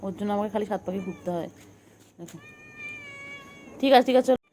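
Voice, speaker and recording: A woman's voice: mid-range voice, fast, dark tone, a little hiss or hum. A woman at home talking baby talk to her cat, cooing, repeating pet words and scolding it playfully while filming on a phone. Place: at home, indoors.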